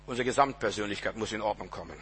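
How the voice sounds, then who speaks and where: Older preacher dude, husky and bright, keeps repeating himself, stammers restarts, lo-fi radio recording. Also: male voice, lowish voice, racing. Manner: emphatic, repetitive, stammering restarts. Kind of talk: sermon.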